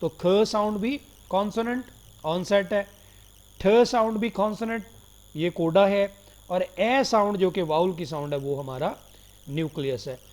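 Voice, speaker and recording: A man giving a recorded phonology lecture, slowly explaining terms, switching between Urdu and English and politely addressing his students. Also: sits high. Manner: addresses listeners politely as "janab" and "dear students".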